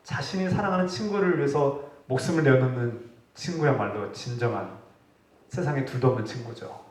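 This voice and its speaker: A man preaching a sermon as pastor, his voice rising for pointed rebukes and falling for quiet points. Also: medium pitch, a little fast. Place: church sanctuary. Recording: echoey hall, distant mic.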